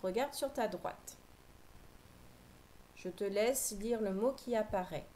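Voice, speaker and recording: Slow, patient woman teacher. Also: mid-range voice, warm tone, slight background noise, rough recording. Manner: slow, clear, patient dictation. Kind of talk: phonics lesson for young children.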